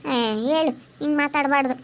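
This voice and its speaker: A woman's voice: high-pitched, flat delivery, fairly quick, natural voice. A woman playing a worried, pleading mother visiting the hospital. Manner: pleading, fretful. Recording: dull, slightly noisy recording.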